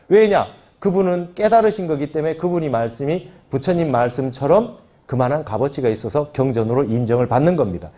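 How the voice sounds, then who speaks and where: Lively, mellow-voiced monk lecturing. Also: male voice, high voice. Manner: explanatory, repeats key phrases and asks the class for agreement. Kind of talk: scripture class lecture.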